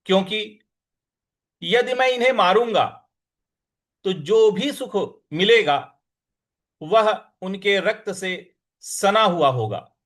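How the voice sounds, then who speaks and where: This man's voice is high-pitched and a bit bright, with lively intonation. Teaching Sanskrit recitation, he breaks each word into syllables for slow pronunciation drills and sings the lines in a chanting tone.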